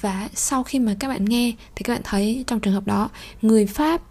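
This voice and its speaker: A woman teaching a pronunciation lesson. She slowly repeats French model phrases, sometimes in a whisper, then explains them quickly in a conversational way. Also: a little high, dark tone.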